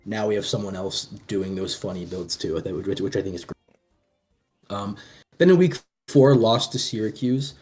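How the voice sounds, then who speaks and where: A man's voice: fairly low pitch, normal speed, darkish tone, soft background music. A man co-hosting a casual commentary show, rambling with frequent restarts. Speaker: co-host.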